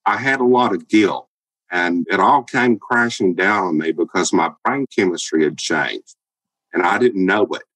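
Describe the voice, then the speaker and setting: A man in his fifties with a Southern Alabama accent speaks as an interview guest. His voice sits on the low side and sounds plain-spoken and candid. The recording is dry and close. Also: moderate pace, fairly bright tone, no room sound, poor audio. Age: 50s. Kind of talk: podcast interview.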